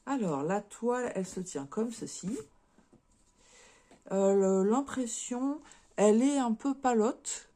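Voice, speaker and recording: Mellow-voiced chatty French woman. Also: on the high side, lively intonation, slow pace, long pauses. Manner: chatty, many fillers and repeated words. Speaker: craft vlogger. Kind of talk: casual unboxing chat.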